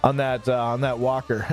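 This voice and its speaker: Here the same sort of live-stream chat comes in a level, medium-pitched voice at a measured pace. The man, in his mid-thirties, wanders across topics and thanks individual viewers by name while faint music plays.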